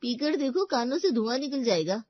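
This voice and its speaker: Cartoon role: a woman playing a nosy neighbor aunt, sharp complaints, dry close sound. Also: sits high, animated, normal speed, dry recording, pitched above the performer's own voice. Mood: snippy. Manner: snippy, complaining. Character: gossipy middle-aged neighbor woman. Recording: dull dry lo-fi recording.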